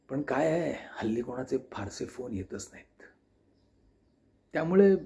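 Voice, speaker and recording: A man playing a gentle, forgetful elderly aunt. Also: mid-range voice, pitched below the performer's own voice. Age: older.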